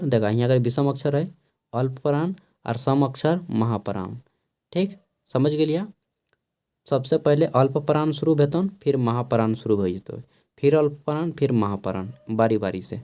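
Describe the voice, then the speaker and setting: A man with a Khortha-inflected Hindi accent teaching an exam-prep lesson, explaining slowly and often checking with a quick "okay". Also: mid-range voice, warm tone.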